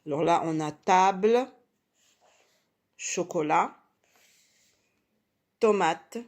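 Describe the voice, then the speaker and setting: Slow, patient woman teaching syllables. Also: lowish voice, darkish tone. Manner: slow, syllable-by-syllable, emphatic on key sounds; patient, repeats words often. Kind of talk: early reading lesson for children.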